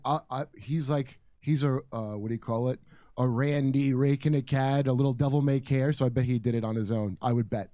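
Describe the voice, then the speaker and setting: A man talks quickly in casual comedic chat. He is jokey and anecdotal, tripping over phrases as he goes, and the sound is dry and close. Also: mid-range voice, fairly even intonation, dark tone, no room sound.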